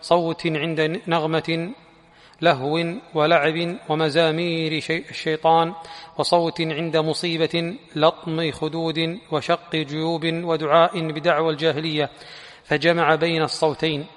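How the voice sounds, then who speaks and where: Man reading a text in a flat, formal voice. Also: a little high, a little slow. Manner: steady, formal recitation. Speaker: student reader. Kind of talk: reading a text aloud in a lesson. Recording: long hall reverb.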